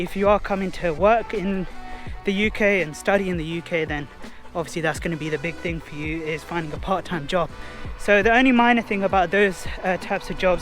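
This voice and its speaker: Young man, high-pitched, rambling casual vlog, park outdoors, faint music. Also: fairly bright tone. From London, England. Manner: rambling, filler-heavy, chatty. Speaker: vlogger.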